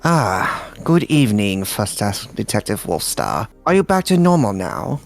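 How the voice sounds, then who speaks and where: A man plays a tired male demon with a gravelly, rough voice that swings widely in pitch. He talks in a calm, unhurried way with dry mock formality, as in a visual novel read-along. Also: soft background music, full character voice. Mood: wry. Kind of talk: amateur visual novel voice reading.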